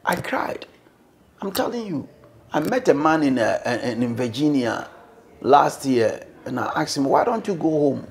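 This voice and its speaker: A middle-aged Ghanaian man, a bishop, talking as an interview guest in a room, mixing English and Twi, animated and preacherly. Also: medium pitch, measured pace, gravelly. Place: indoor living room, seated on sofa.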